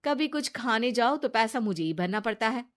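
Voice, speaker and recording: A woman voicing a scheming, sweet-talking young woman friend in an animated storybook, with coaxing, persuasive chatter. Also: a little high, normal speed, lightly acted.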